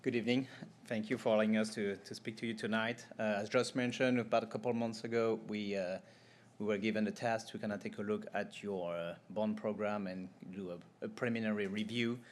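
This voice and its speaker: A man giving a formal consultant presentation at a public meeting, explaining findings in a measured way with some fillers. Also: on the low side, fairly even intonation, slight background noise.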